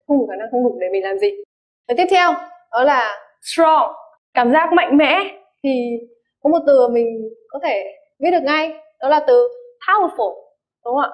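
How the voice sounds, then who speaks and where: A woman English teacher explains vocabulary, giving many examples and often checking that her students follow. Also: sits high. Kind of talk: vocabulary lesson. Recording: dull lo-fi recording.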